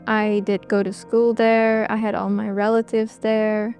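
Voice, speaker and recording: A young woman in her 20s, from Bangladesh and raised in Singapore, recalls past events in an interview for a documentary. Her medium-pitched voice is a little slow, relaxed, and reflective, with frequent ums and restarts, and faint music plays behind her.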